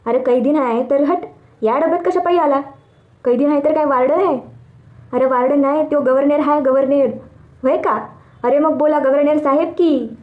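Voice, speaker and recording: A woman voicing a coarse, boisterous male prisoner with a rough voice, in a storybook reading. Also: high-pitched, moderate pace, narrow, tinny audio, close to an everyday voice. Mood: jeering.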